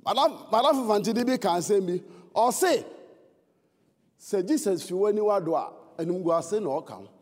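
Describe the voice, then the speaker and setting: A man with a Ghanaian accent preaching a sermon, swinging between fervent shouts and low, earnest tones. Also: animated, moderate pace, big-room sound.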